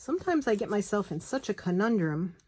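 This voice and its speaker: A woman's voice: medium pitch, big pitch swings, a little fast, a little mellow, husky. A woman giving a casual hands-on tutorial, chatting and talking to herself as she works, with apologetic asides. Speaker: crafter demonstrating bookbinding. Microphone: phone camera close by.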